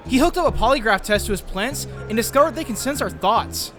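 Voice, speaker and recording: An actor voices an anxious, brooding teenage boy obsessed with science in a comic dub, using an extremely high, expressive, fairly bright voice at a fairly quick clip. Eager and earnest, he delivers inner monologue while questioning himself. The sound is that of a big room, with faint music behind.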